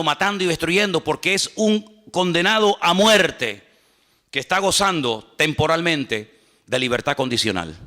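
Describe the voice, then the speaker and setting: A man preaching a sermon as a pastor, animated and humorous, acting out little dialogues. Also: fairly high pitch. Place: church. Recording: church hall reverb.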